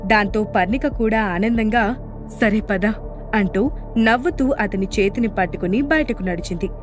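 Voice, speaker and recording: A woman narrating a scripted audio drama in a steady storytelling manner. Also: mid-range voice, moderate pace. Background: faint music.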